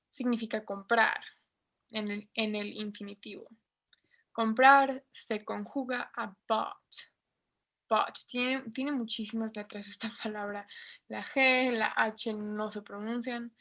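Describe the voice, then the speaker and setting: A woman's voice: medium pitch, fairly bright tone. A woman with a Mexican Spanish accent, teaching a basic English lesson and patiently spelling out pronunciation. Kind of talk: online class lesson.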